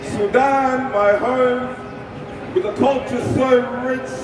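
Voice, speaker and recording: Young man, spoken word poetry, high voice, rhythmic rhymes, heavy echo, distant outdoor PA. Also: steady tone, takes it slowly, noisy background. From Australia. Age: young adult. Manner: rhythmic rhyming delivery. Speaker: rally speaker, spoken word poet. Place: outdoor street rally.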